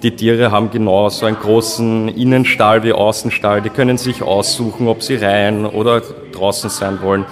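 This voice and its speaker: In a restaurant dining room, a young adult owner and head chef plainly explains his concept in a casual interview. He speaks on the low side with a flat delivery, a moderate pace and few pauses, and the large hall carries soft background music.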